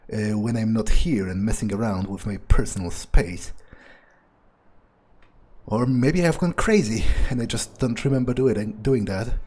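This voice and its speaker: A man with a mid-range, slightly mellow voice and a breathy edge improvises an in-character monologue during a game playthrough. He muses hesitantly and sardonically, swearing now and then.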